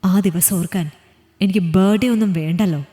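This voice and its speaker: A woman's voice: mid-range voice, moderate pace, dark tone, roomy sound, in a large hall, close to an everyday voice. A woman voicing a frail, bedridden older father in a storybook reading, bitter and self-pitying.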